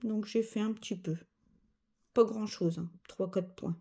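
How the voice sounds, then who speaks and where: Slow, chatty woman crafting vlogger. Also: medium pitch, fairly even intonation, mellow. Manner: chatty, rambling with many fillers and self-corrections. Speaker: cross-stitch vlogger. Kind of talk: casual chat.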